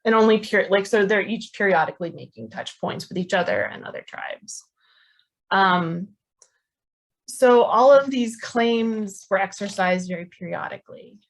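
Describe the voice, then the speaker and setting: A woman giving an academic history talk, pausing often with ums and restarting her phrases. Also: mid-range voice, expressive, low-quality recording. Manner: hesitant, many ums and restarts. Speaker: history lecturer.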